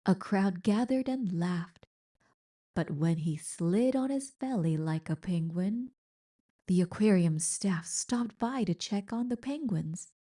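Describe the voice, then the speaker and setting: In a mid-range voice, a woman shares a children's picture book aloud, her storytelling measured and deliberate yet full of expression.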